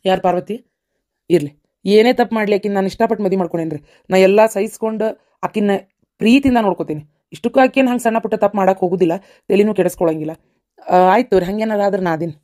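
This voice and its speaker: A woman's voice: mid-range voice, dark tone, lightly acted. A woman voicing an earnest, devoted young husband in a cartoon, with a North Karnataka Kannada accent. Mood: reassuring. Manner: fast and earnest.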